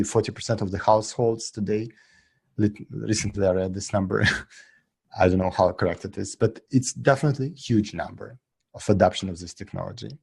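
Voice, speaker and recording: A middle-aged man born in Russia and raised in Israel, a guest talking casually in halting English full of restarts. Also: fairly low pitch, creaky, a little mellow, breathy edge. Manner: halting non-native English with many restarts. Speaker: podcast guest, app co-founder. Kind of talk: casual interview talk.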